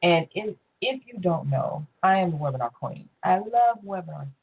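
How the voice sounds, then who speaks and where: A woman's voice: on the low side, expressive, moderate pace, vocal fry, breathy edge. A woman from the United States chatting casually and exclamatorily as a solo podcast host. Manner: chatty, exclamatory, self-answering. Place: home office. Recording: tinny phone line, faint noise.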